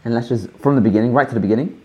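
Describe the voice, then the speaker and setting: A man co-hosting a live tech stream, talking casually and a little haltingly while he works the devices. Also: medium pitch, dark tone, lo-fi sound. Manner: hesitant, restarts while operating gear. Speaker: co-host.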